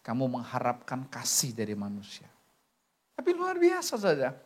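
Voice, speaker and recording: Lively storytelling man preaching. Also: mid-range voice, normal speed. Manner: lively storytelling, acts out dialogue. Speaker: pastor. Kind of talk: sermon. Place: church.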